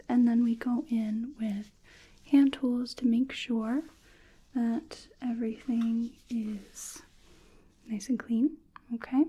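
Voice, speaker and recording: A woman whispering softly in an ASMR roleplay as a dental hygienist, slow and reassuring, often checking in with a gentle "okay?", close to the mic. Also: on the high side, breathy edge, rough recording. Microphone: close sensitive mic.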